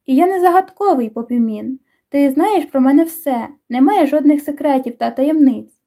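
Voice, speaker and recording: A brooding teenage boy speaks in a quiet, dry and tender way, as a woman reads him in an audiobook. Her voice stays high and mellow. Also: moderate pace. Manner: soft-spoken, dry. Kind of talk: audiobook dialogue reading.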